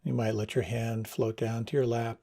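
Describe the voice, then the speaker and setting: Male meditation guide, soft and unhurried, dark and gravelly. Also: medium pitch, level tone. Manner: slow, soft, soothing instructions.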